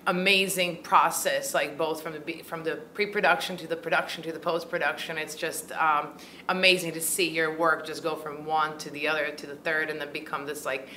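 Her voice sits low with little pitch movement, but she speaks briskly in a bright, forceful tone. She's a Croatian filmmaker and actor in her thirties, chatting through interview questions with plenty of fillers into a handheld mic the interviewer holds, in a small room at a film festival, with slight background noise.

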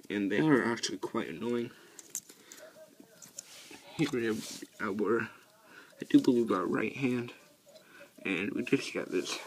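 A man with a gravelly, creaky voice speaks slowly through a casual toy review, pausing often to fill gaps while he fiddles with pieces. The take is noisy, with background hiss and clicking from the handling. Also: medium pitch. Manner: halting, many ums and restarts.

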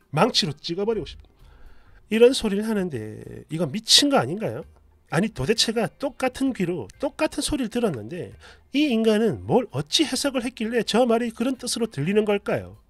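Expressive man reading a story, high voice. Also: a little fast, dry recording. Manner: expressive, sarcastic, mutters asides. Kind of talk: dramatic reading of an online post.

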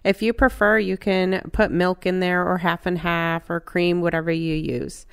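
A middle-aged woman narrating her home cooking step by step in a relaxed, chatty way. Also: lowish voice, moderate pace, clear, resonant tone. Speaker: cooking channel host.

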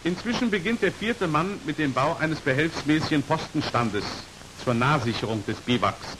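A man with a slightly high voice at normal speed narrates a 1940s instructional film. He sounds formal, precise and matter-of-fact, on an old soundtrack with a steady hiss.

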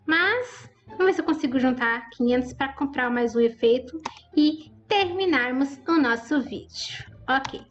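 A woman's voice: high voice, lo-fi sound. A woman giving chatty, exclaiming commentary over her Roblox gameplay and talking straight to her viewers. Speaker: gaming YouTuber.

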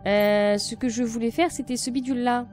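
A woman's voice: fairly high pitch, steady tone, brisk, a little mellow, soft background music. A woman casually commenting on her gameplay, thinking aloud and chatting to viewers and the game. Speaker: let's play streamer.

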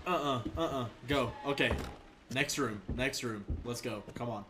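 A man's voice: medium pitch, normal speed. A man streaming a horror game with jumpy commentary, swearing a lot and shrieking when startled. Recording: noisy with mouse clicks.

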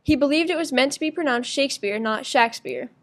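Higher-voiced woman reading a school report. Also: fast talker. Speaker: student presenter. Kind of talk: scripted narration for a school project.

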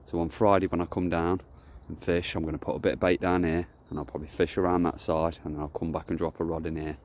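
A low-voiced carp angler vlogger rambles as he walks through bushes by a lakeside, filming a casual walk-and-talk vlog on a handheld phone camera. He talks fast in a level, darkish tone, chatty and self-correcting.

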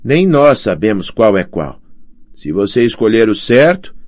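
Guy reading a gutsy young hero, firm, straight to the point, lively delivery, dry close sound. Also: on the low side, measured pace, no room sound, voice pushed up. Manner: firm, matter-of-fact, bargaining. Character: bold young male demigod hero. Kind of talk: audiobook character voice.

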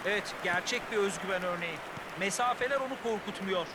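A man's voice: sits high, fairly quick. A man giving analytical football commentary as a co-commentator. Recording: loud stadium-like background noise.

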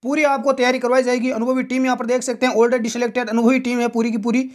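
With a very high voice, flat pitch, and fast delivery, a male coaching teacher hosts a casual exam news update. He talks straight to his students and poses rhetorical questions.

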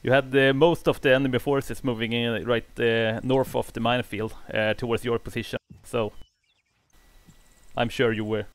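A man on casual gaming voice chat, relaxed and laughing easily as he explains the team's plan. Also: medium pitch.

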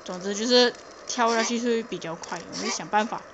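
A woman's voice: a little high, fairly quick, dull audio. A woman commenting casually on a game she plays, talking to herself and urging herself to hurry. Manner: chatty, self-talking, urgent bursts of "hurry". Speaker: gameplay commentator. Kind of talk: casual let's-play commentary. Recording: loud background noise.

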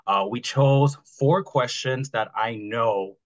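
A man's voice: mid-range voice, slow pace, highs cut off. A man career coach explaining a mock interview setup to a webinar audience on a video call. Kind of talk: webinar talk.

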